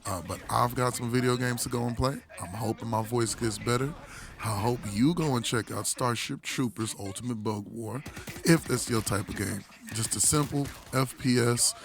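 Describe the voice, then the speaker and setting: A hoarse-voiced man, still getting over an illness, gives a casual, meandering game review in a medium pitch, restarting often and using laid-back slang.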